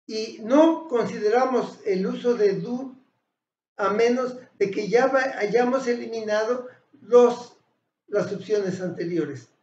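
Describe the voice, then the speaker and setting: A man teaching a language lesson, explaining slowly and deliberately, pausing and correcting himself mid-sentence. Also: sits high, darkish tone. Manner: slow, deliberate, with pauses and self-corrections. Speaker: English teacher. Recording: echoey, dull lo-fi room sound.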